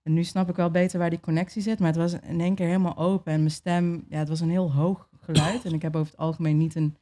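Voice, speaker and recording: A young adult woman being interviewed, telling a personal story in a relaxed way, with many fillers and restarts. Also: lowish voice, fast talker. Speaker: interview guest.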